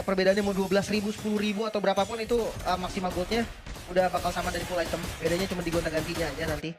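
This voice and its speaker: A man giving casual, colloquial analysis as a commentator on a live game match, explaining tactics. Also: high voice.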